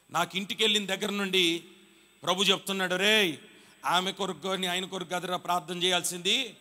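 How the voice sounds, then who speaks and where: A male pastor delivers a Sunday sermon in a high-pitched, bright voice. He moves from quiet, confiding storytelling to fervent shouted exhortations, pressing his listeners to answer back. The live recording carries a long church-hall reverb. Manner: rises from quiet storytelling to shouted exhortation, urging the congregation to respond.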